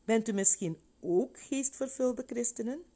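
A woman voicing an eager ten-year-old girl who asks excited, insistent questions. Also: a little high, a little slow, pitched above the performer's own voice.

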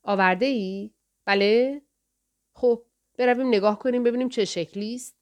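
A woman's voice: on the high side, highs cut off, lightly acted. A woman voicing a stern grown man who speaks brusquely in an audiobook. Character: stern, gruff grown man, master of the house.

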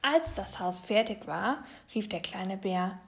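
A woman reading a children's story aloud, in a gentle, even storybook manner. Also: mid-range voice, slow pace, gravelly, noisy background.

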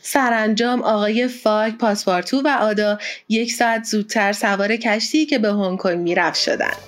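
A woman narrating an audiobook in a steady storytelling manner. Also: mid-range voice.

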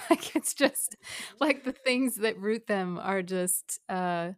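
A woman's voice: medium pitch, takes it slowly, dry recording. A woman talking as a podcast guest in casual discussion, chatty and hesitant with many fillers. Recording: dry close mic.

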